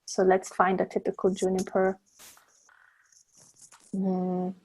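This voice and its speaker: A woman's voice: mid-range voice, completely flat delivery, slow pace, darkish tone, slightly rough. Woman teaching oil blending, many fillers. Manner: hesitant, with many fillers and restarts, explaining step by step. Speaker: guest presenter teaching essential oil blending. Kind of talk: online teaching demonstration.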